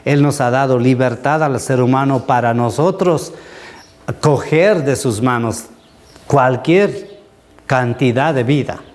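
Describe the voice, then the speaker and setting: A man's voice: medium pitch, slow, a little mellow. Male pastor, middle-aged, conversational sermon teacher who takes questions. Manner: conversational, answers congregation questions.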